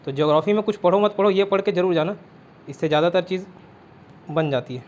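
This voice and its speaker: This Indian man's voice is high and slightly mellow, and he moves at a quick pace through an exam-prep geography lesson, with the recording's high frequencies cut off. His Chhattisgarh Hindi accent comes through as he chats, repeats "theek hai," and checks in with students through mnemonic quizzes.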